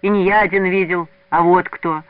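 A man's voice: sits high, steady tone, moderate pace, clear, resonant tone, natural voice. Man doing an eager, lanky older schoolboy. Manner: eager, raised voice. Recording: narrow lo-fi radio recording.

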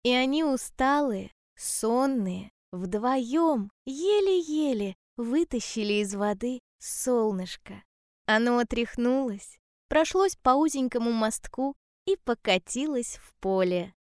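A woman telling a children's story in a calm, gentle and measured way. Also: on the high side, no echo, studio quality.

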